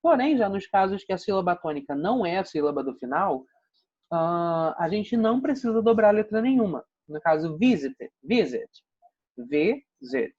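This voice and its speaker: A man's voice: sits high, expressive, normal speed, darkish tone. A man with a Brazilian Portuguese accent teaching an English grammar lesson, explaining patiently and ending many sentences with checking tag questions. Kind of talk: recorded online grammar lesson. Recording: dull, lo-fi, dry recording.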